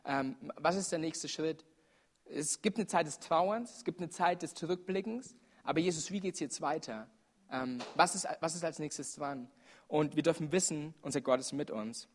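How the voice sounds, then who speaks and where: Man, preacher, sermon, slightly higher voice, earnest, urgent appeals, frequent fillers. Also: moderate pace. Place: church service.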